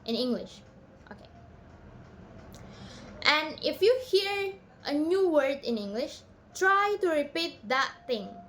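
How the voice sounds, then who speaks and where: Indonesian-accented female teacher, high voice, patient step-by-step explaining, slight room noise behind. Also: fairly bright tone. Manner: explains step by step, switching between two languages. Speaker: English teacher. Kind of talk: bilingual spoken lesson.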